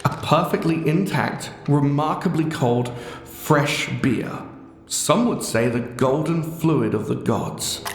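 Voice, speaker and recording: A man's voice: a little high, slow pace. Man as a wry narrator in echoing reverb. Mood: wry, dramatic. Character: wry, theatrical game narrator. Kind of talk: scripted narration. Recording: echoey long reverb with music. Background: music.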